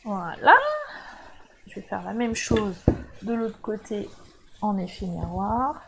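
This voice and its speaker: A woman's voice: mid-range voice, slow, gravelly, heavy background noise. A woman with a French accent hosting a casual live crafting demo, chatting to viewers with frequent laughs. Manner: chatty, warm asides to viewers, laughs often. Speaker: crafting channel host. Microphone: camera mic.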